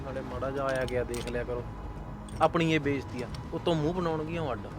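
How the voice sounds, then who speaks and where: A man's voice: steady tone, quick pace, over music, lightly acted. An actor with a Punjabi accent playing a young husband who lectures his wife and soothes his parents in a short drama. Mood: calming. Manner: firm, lecturing, mostly low-voiced. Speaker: son and husband. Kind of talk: Punjabi short film acting.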